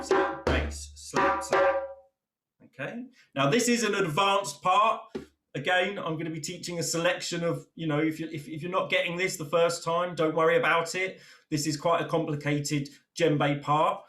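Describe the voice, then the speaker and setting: A man teaching a djembe lesson in a relaxed, encouraging way, counting drum strokes aloud. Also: on the high side. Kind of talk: online percussion lesson. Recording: roomy sound with loud drumming. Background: djembe drumming.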